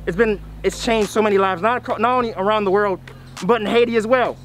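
High-pitched man talking through a face mask. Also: fairly even intonation, fast talker, faint music behind. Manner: emphatic, repeats phrases for effect. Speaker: video series host. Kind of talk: vlog presenting to camera. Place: outdoors on a tree-lined roadside.

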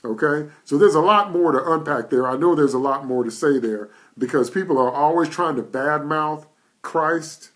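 Emphatic preacher man, fairly high voice. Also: moderate pace, fairly bright tone. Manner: emphatic, repetitive preaching cadence; asks "okay?" to check in with listeners. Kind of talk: live-streamed sermon. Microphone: live stream setup.

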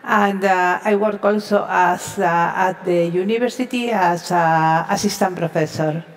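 A woman's voice: fairly low pitch, measured pace, poor audio. A middle-aged woman speaks as an oncology nurse on a conference stage. She is earnest and often repeats words while searching for the next ones. Her voice comes through a headset mic. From Spain. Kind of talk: panel discussion.

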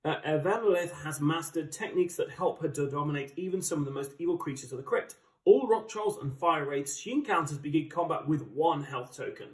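A man's voice: fairly high pitch, expressive, fairly quick, few pauses. A man with an English accent giving chatty, enthusiastic, casual unboxing commentary as a board game channel host. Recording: roomy, distant microphone.

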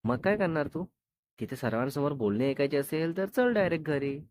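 A man's voice: a little high, expressive, fairly quick, a little mellow, dry recording, close to an everyday voice. A man reading the lines of a sulky, teasing young woman in a storybook tale, in a pleading, complaining way.

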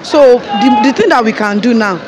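A woman's voice: fairly high pitch, lively intonation, normal speed, muffled recording, crowd noise. A young woman with a Nigerian accent answering a street interview, hesitant and searching for words with many fillers. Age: young adult. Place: outdoors by a painted wall. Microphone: phone held close by interviewer. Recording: street noise behind.

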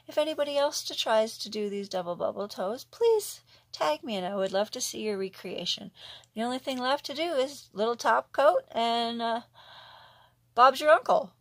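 A middle-aged woman chatting casually through a nail art tutorial at home, talking to herself as she works and often dropping into a whisper. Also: high-pitched. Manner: chatty, talks to herself while working, drops into whispers.

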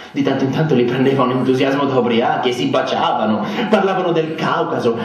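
An actor on stage playing a bitter, humiliated man who swings between low muttering and shrill outbursts. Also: darkish tone, lightly acted. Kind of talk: theatrical monologue. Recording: echoey hall, distant mic.

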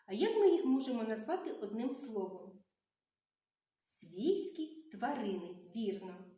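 A woman teaching young children, asking questions and praising them in a slow, sing-song teacherly way. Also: a little high, lively intonation, dark tone. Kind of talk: children's literacy lesson. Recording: very echoey room.

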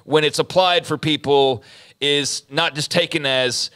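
Speaking into a studio mic with headphones on, this young adult male co-host of a sports talk show has a higher-pitched, bright, forceful voice. His intonation stays fairly even and his pace is measured as he reflects aloud and rephrases himself.

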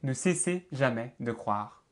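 Animated man giving spelling tips. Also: mid-range voice, measured pace. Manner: animated, insistent repetition, spells words letter by letter. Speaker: law lecturer and content creator.

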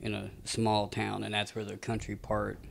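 There's slight background noise as a gravelly, lowish-voiced man in his late thirties from Texas talks at a moderate pace. He's a relaxed, rambling podcast guest full of fillers, giving casual interview talk into a boom-arm studio mic in a small indoor studio.

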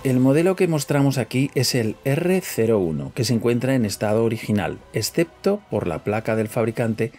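A man's voice: mid-range voice, animated, normal speed, hardly any pauses, a little mellow, faint music behind. A man presenting in the style of a scripted documentary narration.

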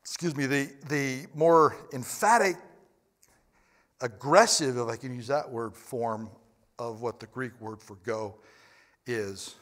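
A man preaching a sermon in a church, moving between quiet, close talk and loud, emphatic bursts, with frequent restarts and repeated words. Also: mid-range voice, slow. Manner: swings from loud emphatic shouts to quiet near-whispers. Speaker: pastor. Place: church sanctuary.

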